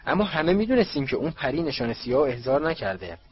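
A man's voice: mid-range voice, animated, dull audio, close to an everyday voice. A man voicing a pompous, rule-loving young wizard who lectures earnestly. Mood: lecturing.

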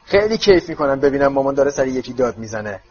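A man's voice: medium pitch, very animated, breathy edge. A man doing a cheeky teenage boy. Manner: quick, teasing. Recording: dull lo-fi audio.

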